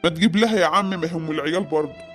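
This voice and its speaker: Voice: mid-range voice, rapid-fire, fairly bright tone, soft background music, pitched below the performer's own voice, close to an everyday voice. A performer voicing a crafty Egyptian male friend who hands out schemes in a conspiratorial tone. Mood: scheming.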